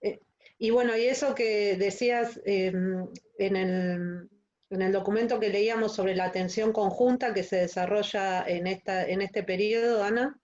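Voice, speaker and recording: A woman's voice: mid-range voice, steady tone, unhurried, darkish tone. Woman, webinar moderator, brief prompting interjections, dull call audio. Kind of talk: webinar discussion. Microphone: video call.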